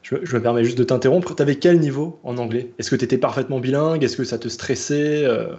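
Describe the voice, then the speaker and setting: A man's voice: medium pitch, fast, mellow, highs cut off. A man hosting a livestream interview, asking friendly, curious follow-up questions. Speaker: host.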